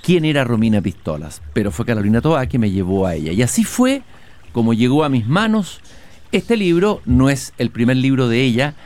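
A man with a medium-pitched voice hosts a relaxed interview while strolling through a garden outdoors. He speaks in a reflective, measured way, with some hesitations.

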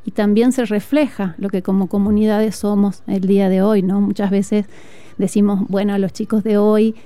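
A woman with a northern Argentine accent speaks as a guest music teacher, earnest and reflective, with a few thoughtful fillers. Her voice is warm and mellow, smooth and resonant. She talks outdoors in a school patio. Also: mid-range voice, little pitch movement, moderate pace, no echo. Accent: northern Argentine Spanish. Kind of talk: conversational interview.

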